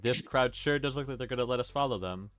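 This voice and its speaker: A man's voice: medium pitch, fast talker, a bit bright, no echo. A man on a casual livestream with friends, reading game lines in a mock-formal way between jokes. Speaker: streamer voicing a game's dialogue.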